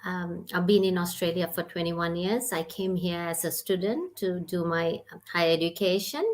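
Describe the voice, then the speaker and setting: A woman from Sri Lanka introducing herself on a video call, friendly and brisk. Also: on the low side, poor audio. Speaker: panel guest.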